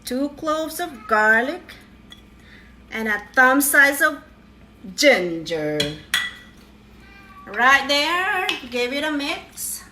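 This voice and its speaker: Slow-talking playful woman in a kitchen. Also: high-pitched, sing-song, distant mic, noisy background. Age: middle-aged. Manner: playful, chatty, cheery exclamations. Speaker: home cook. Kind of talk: casual cooking vlog narration. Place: home kitchen. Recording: echoey room, voice from afar.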